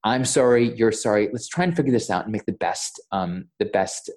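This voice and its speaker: A man's voice: on the low side, a little fast, darkish tone. A man, a voiceover coach, chatting as a podcast guest and retelling a mishap with lots of stammers and quoted dialogue. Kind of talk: casual interview storytelling.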